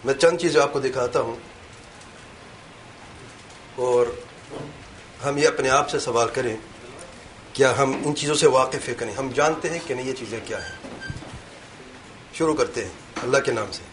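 A man's voice: mid-range voice, long pauses, fairly bright tone. A man giving an interactive religious talk, quizzing and teasing his audience. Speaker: Islamic lecturer. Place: lecture hall with a live audience. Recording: echoey hall with faint room noise.

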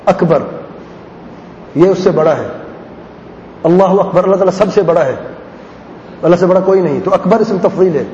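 A man's voice: pauses often, mellow. A man teaching Arabic grammar in a classroom lesson. He repeats word patterns patiently and asks questions that he then answers himself. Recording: echoey hall, dull lo-fi sound, faint rumble.

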